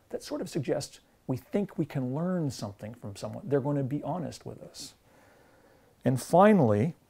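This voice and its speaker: A Canadian theology lecturer in his forties speaks to camera through a lapel mic in a green-screen studio. His mid-range voice is warm and slightly rough, and his thoughtful explanations come with fillers and restarts.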